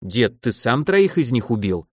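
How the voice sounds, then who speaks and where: A man's voice: medium pitch, sing-song, unhurried, dry recording, studio quality. A man voicing a stubborn young demon girl who sulks and whines. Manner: stubborn, whiny.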